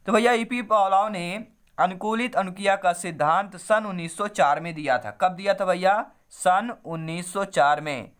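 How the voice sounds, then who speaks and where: High, clear-voiced male coaching teacher. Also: normal speed, fairly bright tone. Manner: reads quiz options aloud and repeats answers emphatically. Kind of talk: online exam-prep lesson.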